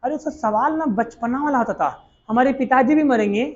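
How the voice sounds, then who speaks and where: A man's voice: very high voice, fairly quick, dull audio. A male teacher, telling a history lesson as a story in earthy colloquial talk and quizzing his students as he goes. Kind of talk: exam coaching lecture told as a story.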